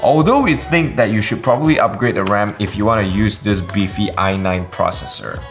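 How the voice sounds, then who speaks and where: A man's voice: on the low side, normal speed, soft background music. A young man with a Malaysian English accent narrating a scripted tech review as the video's host.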